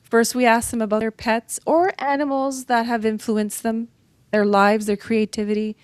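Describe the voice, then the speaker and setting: A woman's voice: fairly high pitch, flat delivery, normal speed, no echo. A middle-aged woman from northern Ontario, a guest author chatting casually and upbeat in an interview. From northern Ontario, Canada. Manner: chatty and upbeat, laughs easily.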